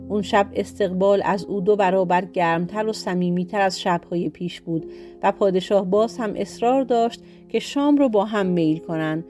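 Mellow woman reading a folktale. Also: mid-range voice. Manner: steady, measured reading. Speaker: audiobook narrator. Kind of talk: scripted storybook narration. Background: faint guitar music.

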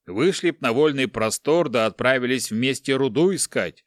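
A man's voice: medium pitch, animated, normal speed, dry recording, studio quality, lightly acted. A man voicing a timid, bookish young monk who speaks in an anxious, prim and defensive way in an audiobook. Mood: bewildered.

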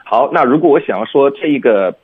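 A man's voice: mid-range voice, expressive, a little fast, breathy edge. A man teaching English pronunciation on a radio lesson, explaining patiently step by step and often checking in with "OK?", heard over a phone line.

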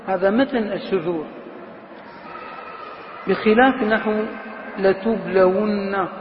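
High-voiced man teaching in an echoey hall. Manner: drawn-out, slow repetition of example words, chanting verses; asks questions to the class. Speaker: teacher of Arabic grammar. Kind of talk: classroom grammar lesson. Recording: echoey hall, slightly dull sound, faint noise.

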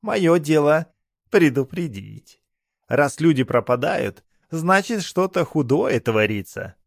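A man voicing a fat, cackling male bathhouse spirit with a high, teasing, wheedling voice. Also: sing-song, slow, creaky, dry recording, clean studio sound, full character voice. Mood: hushed.

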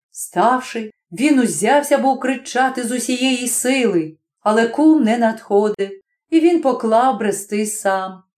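A woman narrating a classic story as an audiobook, in slow, measured storytelling. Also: on the high side, a little mellow. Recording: roomy echoing room.

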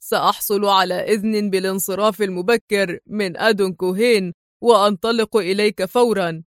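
A woman voicing a coarse, boisterous man with a gruff, hoarse voice. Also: high voice, steady tone, fairly quick, no room sound, studio quality, close to an everyday voice. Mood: jovial.

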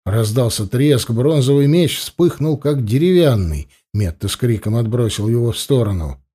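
A man's voice: medium pitch, animated, normal speed, mellow, husky. A man narrating an adventure audiobook expressively, doing voices for the characters.

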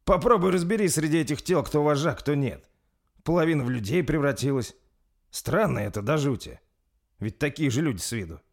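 A man voicing a blunt, gruff warrior talking plainly after a battle. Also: a little high, lively intonation, fairly quick, voice pushed up. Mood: grim.

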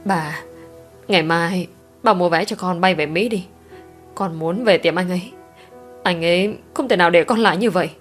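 A woman's voice: fairly low pitch, normal speed, pauses often, soft background music, close to an everyday voice. A woman reading an audiobook romance voices a grieving young woman who talks in a pleading, tearful way. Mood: distraught.

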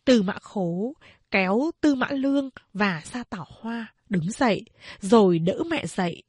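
A woman reading a novel aloud as audiobook narrator, slow and deliberate. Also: mid-range voice, lively intonation, darkish tone, husky, no room sound.

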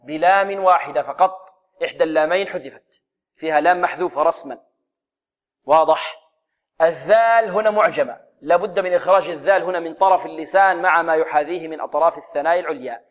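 A fairly high-voiced man leads a Quran recitation lesson, sounding out letters slowly and asking the class questions before answering them himself. The sound is dull and lo-fi, like an old radio broadcast. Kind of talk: tajweed lesson.

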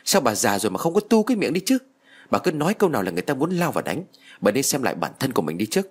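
A stern village man in a spoken horror story, voiced by the narrator, scolding loudly with a husky, lively voice. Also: medium pitch, rapid-fire. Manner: scolding, loud.

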